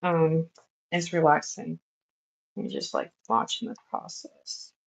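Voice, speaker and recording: A woman's voice: sits low, wildly swooping pitch, slow pace, vocal fry, rough recording. A woman livestreaming as she does nails, chatting casually in a rambling, easygoing way with lots of fillers. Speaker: nail art livestreamer. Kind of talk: casual livestream chat while working.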